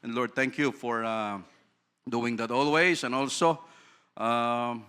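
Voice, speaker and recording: Male pastor from the Philippines, bright and crisp voice, animated sermon testimony rising into fervent prayer. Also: mid-range voice, slow. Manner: storytelling with frequent tag questions.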